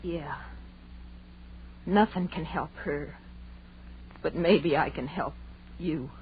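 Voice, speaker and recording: An actress playing a guilt-ridden, resigned young woman in an old-time radio horror drama, halting and sombre. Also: sits low. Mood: resigned gloom. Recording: muffled, noisy vintage radio recording.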